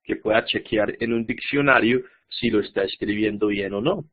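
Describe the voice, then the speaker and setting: A man's voice: fairly low pitch, normal speed, husky. A man teaching an online grammar lesson, patiently repeating words and checking in with his students. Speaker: English teacher. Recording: tinny phone-like audio.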